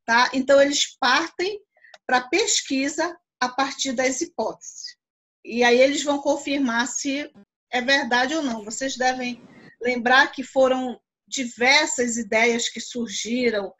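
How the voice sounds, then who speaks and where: Brazilian teacher lady, high voice, patient explainer on a video call class. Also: a bit bright. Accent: Brazilian Portuguese. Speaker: philosophy teacher. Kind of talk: live online class.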